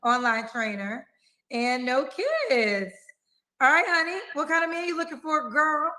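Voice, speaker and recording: A woman hosting a dating show, asking brisk, direct questions. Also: high voice, steady tone, pushed and bright. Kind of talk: interview-style questioning.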